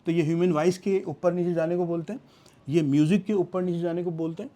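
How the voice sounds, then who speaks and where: A middle-aged man teaches vocabulary in a fairly high-pitched voice. He explains terms patiently and reads English example sentences out slowly. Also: steady tone, mellow. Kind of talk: explanatory lesson.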